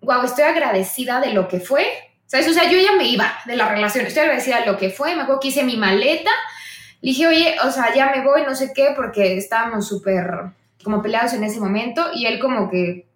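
A woman's voice: on the high side, a bit bright, echoey room. A woman with a Mexican accent, a podcast guest telling stories in casual conversation and acting out her own dialogue.

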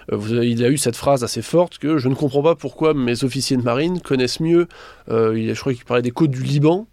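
A man talking as a guest researcher, explaining in a measured way with occasional restarts. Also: medium pitch, darkish tone, no echo. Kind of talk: expert explanation in an interview.

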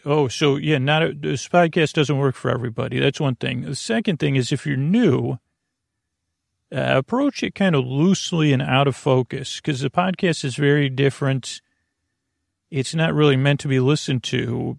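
Speaking at a mid-range pitch, this man has a gravelly, creaky voice and hosts a podcast, here giving a bedtime monologue. He halts often and drifts off on tangents, trailing away before finishing his thoughts. There's no room sound; the audio is dry and close-miked.

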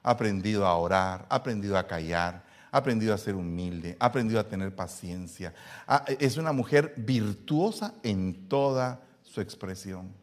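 A male pastor preaching a sermon, swinging from hushed asides to loud, humorous appeals to the congregation. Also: on the low side, animated, moderate pace.

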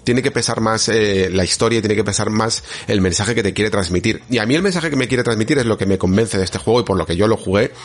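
Low-voiced man, measured host. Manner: measured, analytical, weighs points carefully. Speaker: podcast host. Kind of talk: casual podcast chat.

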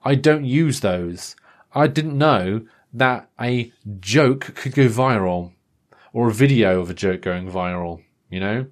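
Man, mid-pitched, casual podcast monologue, rambling and self-deprecating. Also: slow pace. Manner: rambling, self-deprecating, frequent fillers and restarts.

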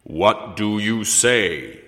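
A man reading a storybook as the Hogfather, a solemn, literal-minded gift-giver with a slow, deadpan delivery in heavy reverb. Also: heavily acted. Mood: grave, probing. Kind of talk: storybook read-aloud character voice. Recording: long booming reverb.

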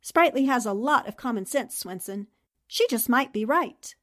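A woman performs a shrewd, poised newspaper columnist who solves mysteries on radio, narrating at a careful, deliberate pace. Her voice is on the high side with lively intonation and a fairly bright tone, and the mood is pensive.

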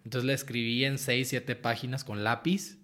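A young man with a Mexican Spanish accent, a guest writer and actor telling stories in a casual interview, animated and often laughing. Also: medium pitch, moderate pace.

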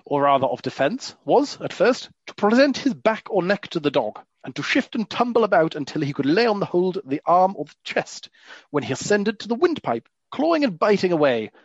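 A man putting on an old-timey male narrator voice to read a period account with measured, dramatic delivery. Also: high-pitched, very animated, husky, dry recording, pitched above the performer's own voice, exaggerated voice. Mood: grandiose. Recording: dull lo-fi dry recording.

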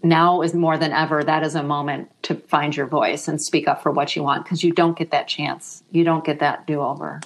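A middle-aged woman speaking softly and reflectively as an interview guest, emotional as she talks. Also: low voice, level tone, normal speed, hardly any pauses. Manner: soft-spoken, reflective, emotional.

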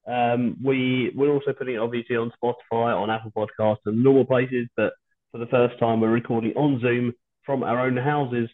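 Man on a tinny low-quality Zoom stream. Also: level tone, moderate pace. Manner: hesitant, frequent ums and restarts. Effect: low-quality Zoom stream audio. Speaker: podcast host. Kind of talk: casual podcast chat. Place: at home. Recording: tinny phone-like video call line.

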